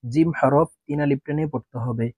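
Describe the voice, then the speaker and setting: A man teaching Arabic letters for Quran reading, explaining each sound and then chanting the letter names long and slow for students to repeat. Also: medium pitch, a little mellow, breathy edge, dry recording. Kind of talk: recitation lesson.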